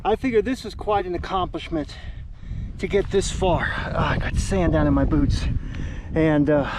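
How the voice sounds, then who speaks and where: A man's voice: a little high, steady tone, moderate pace. A man narrating a hiking vlog as he climbs sand dunes, talking plainly and getting out of breath. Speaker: vlogger. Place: outdoors on windy sand dunes. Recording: loud wind noise on the camera mic.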